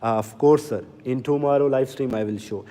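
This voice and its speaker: A man talks slowly and earnestly on a livestream, answering viewers one by one. His voice sits mid-range with a dark, mellow tone, and a long reverb trails behind him. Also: mid-range voice. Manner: deliberately slow, earnest, reads out comments. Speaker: livestream sales host for farm machinery. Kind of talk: casual livestream talk to viewers. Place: inside a factory or showroom.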